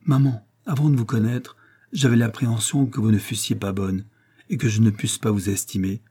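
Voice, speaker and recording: A man's voice: fairly low pitch, steady tone, moderate pace, mellow, husky. Man reading as a doting young woman. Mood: tender coaxing. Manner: tender, coaxing, playful. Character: affectionate young woman doting on her mother.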